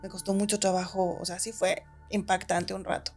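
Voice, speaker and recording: A woman, a podcast guest, telling a story in a lively way and acting out the quotes. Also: fairly quick, soft background music. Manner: animated, acts out quotes, shifts pitch when telling the story. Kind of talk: casual storytelling.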